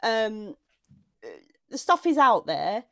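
A woman's voice: a little high, big pitch swings, slow, dry recording, studio quality. A woman comedian chatting casually and emotionally, talking in digressive bursts with frequent restarts. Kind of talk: casual chat.

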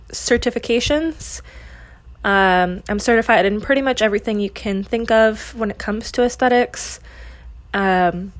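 Female podcast host, informal solo chat, slight lisp with long S's, soft slurring, close dry sound. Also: mid-range voice, no room sound. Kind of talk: casual solo podcast introduction.

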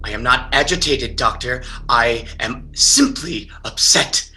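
A man's voice: mid-range voice, expressive, unhurried, bright, forceful tone, a little hiss or hum. An actor playing an agitated young man bound in a straitjacket, insisting he is sane in strained, formal period speech, in a dramatic audio drama. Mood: indignant.

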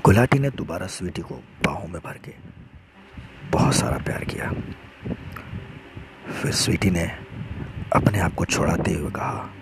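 A man narrating a dramatic story in a steady, hushed storytelling tone, over loud music. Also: deep voice, unhurried, pauses often, noisy background.

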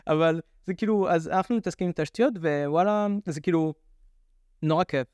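Male podcast guest, young, French accent, casual talk; slightly high, clean resonant voice. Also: a little mellow, smooth, dry recording. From French immigrant raised in Netanya, Israel. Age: young adult. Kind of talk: casual chat.

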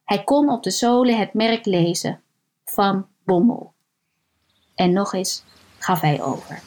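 A woman reads a suspense story aloud at a steady, even pace. Her voice sits in a middle range and stays calm and measured, slowing down at the tense moments. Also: mid-range voice. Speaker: narrator. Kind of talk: scripted narration of a thriller story.

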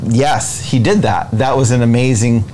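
American man explaining deliberately, noisy background. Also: mid-range voice, mellow. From United States. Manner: deliberate, emphatic, repeats phrases in lists. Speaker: interview guest, presidential candidate. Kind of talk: explanatory political interview talk. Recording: noticeable background noise.

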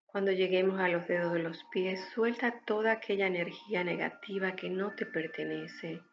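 A woman leading a guided meditation in a soft, soothing, hushed voice, giving unhurried instructions with pauses. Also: fairly low pitch, steady tone, gravelly, highs cut off, slight background noise.

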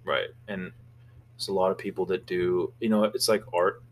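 A young man with a low-pitched voice co-hosts a casual podcast chat about running the salon he co-owns. He sounds earnest and a little anxious, speaking at normal speed with fairly even intonation over slight background noise.

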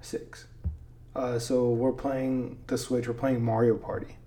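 A man's voice: medium pitch, flat delivery, slow pace, mellow, slight background noise. A young man hosting a podcast, casually telling family stories and dropping "dude" and "like" all the time. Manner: laid-back, peppers speech with "dude" and "like". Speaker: podcast host. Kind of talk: casual storytelling chat.

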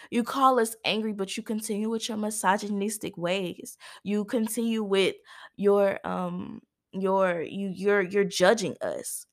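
A young woman hosting her own talk show, speaking in an impassioned, emphatic monologue that often repeats and restarts phrases. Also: mid-range voice. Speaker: podcast host. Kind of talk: personal commentary monologue.

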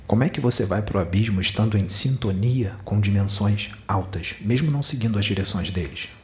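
A man's voice: lowish voice, fairly quick. A man from Brazil with a Rio de Janeiro accent giving a channeled spiritual teaching, preaching emphatically with many rhetorical questions. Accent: Rio de Janeiro Portuguese. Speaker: spiritual medium.

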